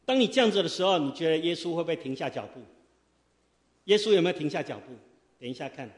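A man preaching, his voice sitting high and carrying a long reverberant tail through a church hall. He keeps quizzing the congregation with fill-in-the-blank questions and swings between quiet asides and loud exhortation. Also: lively intonation, fast. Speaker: pastor. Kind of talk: sermon. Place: church sanctuary.

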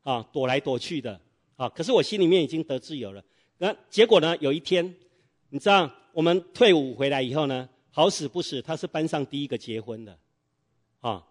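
A man's voice: on the high side, expressive, fairly quick. A middle-aged man preaching a sermon in church, telling a story and quizzing the congregation with fill-in-the-blank questions.

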